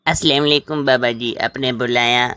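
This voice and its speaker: A man's voice: mid-range voice, fairly even intonation, pushed and bright, clean tone, close to an everyday voice. A young man playing an impatient brother who brushes off his family to keep working in a comedy skit. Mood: annoyed. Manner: impatient, exasperated. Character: impatient young man, dismissive, busy with work.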